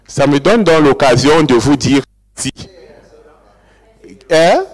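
A man's voice: a little high, lively intonation, takes it slowly. A man giving an academic lecture, explaining and repeating key words and checking with his audience whether they follow. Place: large lecture hall. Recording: long hall reverb.

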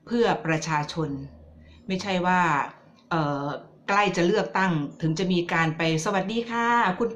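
A woman's voice: fairly low pitch, steady tone, normal speed, a bit bright. Chatty woman teasing in political commentary. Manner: chatty and teasing, addressing viewers directly. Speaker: vlogger commenting on news. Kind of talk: casual political commentary to camera.

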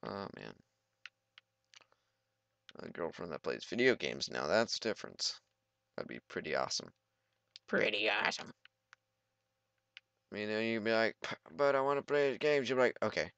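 A man's voice: fairly low pitch, sing-song, normal speed, gravelly, pauses often, sharp tone, dry recording, muffled recording. A young man giving goofy, rambling let's play commentary and talking back to the game.

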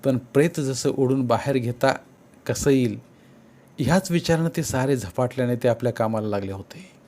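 A man reads a novel aloud for an audiobook. He tells the story in a steady, earnest way. His voice sits at a middle pitch. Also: moderate pace. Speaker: audiobook narrator.

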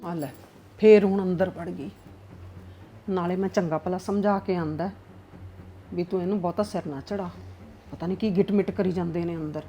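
A woman's voice: a little high, fast, lo-fi sound, soft background music, lightly acted. A woman acting as a scheming, nagging middle-aged mother-in-law who lectures and scolds in a family drama. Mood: muttering scheming.

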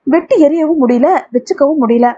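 A woman's voice: sits high, brisk, mellow, close to an everyday voice. A woman reading the part of a possessive, violent young man in love, in a domineering tone. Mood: bitter. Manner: menacing, domineering. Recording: tinny phone-like audio.

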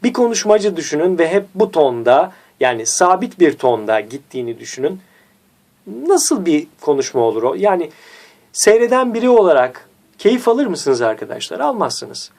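A man's voice: sing-song, darkish tone. A man teaching a diction lesson, speaking didactically and repeating key points to his viewers. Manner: varies pitch and slows for emphasis. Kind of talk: instructional video lesson.

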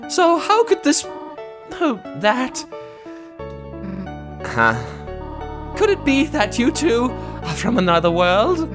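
A gentle, motherly goat queen from a game , put on by a man, speaks in a stately, formal way. Her voice glides high and low. Game music plays behind her. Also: wildly swooping pitch, slow pace, long pauses, heavily acted. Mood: kindly.

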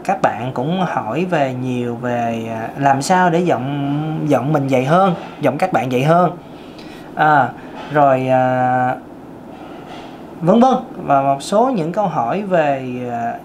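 A man's voice: fairly high pitch, darkish tone, slight background noise. A man with a thin, light tenor voice, chatting casually through a singing lesson, joking about himself and singing scales. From Vietnam. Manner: chatty, self-joking, sings scales in demonstration. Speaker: singing teacher.

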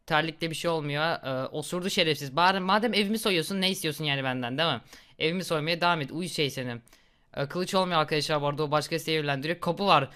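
Excitable young man commentating a game. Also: a little high, clean tone. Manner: excitable, reacts loudly and laughs at gory moments. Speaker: gaming YouTuber. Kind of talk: casual gameplay commentary.

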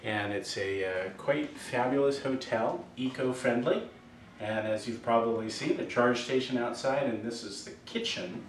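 A man's voice: medium pitch, expressive, normal speed. A man narrating a casual tour from behind the camera, talking up each thing with playful grandness. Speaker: vlog narrator filming. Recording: roomy, off-mic, faint noise.

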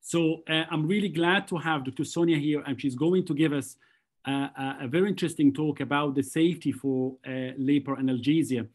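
A man's voice: on the high side, brisk. A man moderating a webinar, introducing a speaker in a hesitant, stumbling way with many fillers, over a video call from a room. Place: indoor room.

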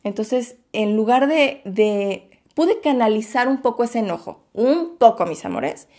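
A woman's voice: fairly high pitch, lively intonation, measured pace, dark tone. A woman, a YouTuber, candidly and expressively telling a personal story to her viewers, whom she calls her loves. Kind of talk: storytime vlog.

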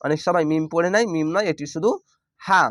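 Man spelling out syllables, higher voice. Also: a bit bright, no room sound, studio quality. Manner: spells out syllables slowly, then chants the word drawn out. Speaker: Quran reading teacher. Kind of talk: step-by-step spelling lesson.

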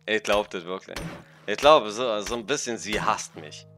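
Over background music, a let's play streamer with a fairly low voice at normal speed rambles casually through funny anecdotes while commenting on a game. He's chatty, constantly tags his sentences with "ne?", and laughs at his own stories.

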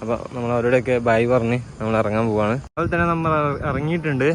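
A man's voice: mid-range voice, fast. A Malayali man chatting casually as he narrates a cycle tour, pointing out sights along the road. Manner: chatty, pointing things out as he rides. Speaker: cycle touring vlogger. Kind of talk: casual travel vlog narration. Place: outdoors on roads while cycling. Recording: noisy outdoor traffic and wind. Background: traffic and wind.

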